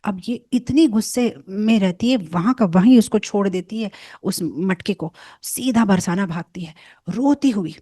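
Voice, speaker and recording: A woman narrates a devotional tale in a mellow, warm voice, animated as she moves between scenes. It is recorded dry and close, as if over a video call. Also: medium pitch, unhurried, no echo. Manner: animated, acts out characters. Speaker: devotional storyteller.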